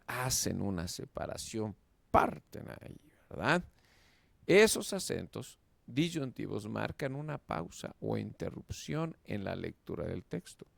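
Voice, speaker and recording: A man giving a slow lecture on Biblical Hebrew, explaining step by step and often checking in with "¿verdad?". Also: lowish voice, gravelly, dry recording. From Mexico. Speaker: Hebrew teacher.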